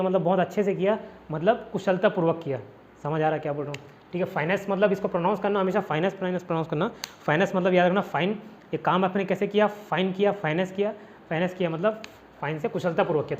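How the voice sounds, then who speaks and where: A man's voice: high-pitched, darkish tone, dull audio, slight background noise. A man from India teaching a casual vocabulary lesson in a classroom, explaining each word with repeated rhetorical questions.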